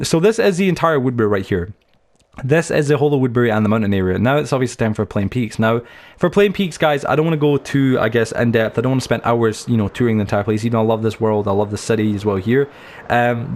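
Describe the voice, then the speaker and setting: A man's voice: medium pitch, fast, darkish tone. A young man hosting a game channel, giving a chatty, rambling tour full of stories, fillers and restarts. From United Kingdom. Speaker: gaming channel host. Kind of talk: rambling let's-play tour commentary.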